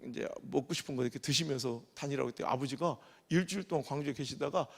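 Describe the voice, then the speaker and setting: A middle-aged male pastor preaching a revival sermon, telling lively stories and swinging from quiet asides to loud bursts. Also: mid-range voice, fast, gravelly. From Korea. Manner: animated storytelling, acts out dialect dialogue, swings from soft to loud. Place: large church sanctuary. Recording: long church hall reverb.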